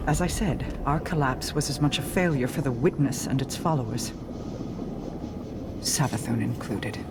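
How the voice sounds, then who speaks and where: A woman's voice: rumbling low, normal speed, heavy background noise. An actress playing an imperious, haughty alien queen in a video game cutscene, speaking formally and curtly. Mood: grave. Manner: formal, regal, curt. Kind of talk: cinematic video game drama. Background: music.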